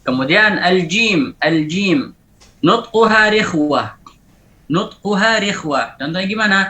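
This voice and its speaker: A man teaching a tajwid lesson, explaining pronunciation errors and repeating example words slowly to demonstrate them. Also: high-pitched, lively intonation, pushed and bright, low-quality recording. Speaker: Quran recitation teacher.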